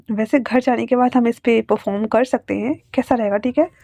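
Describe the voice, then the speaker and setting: A woman voicing a young male police officer who speaks in a lowered, hushed and teasing way. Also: moderate pace, vocal fry, no room sound. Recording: dry, dull lo-fi sound.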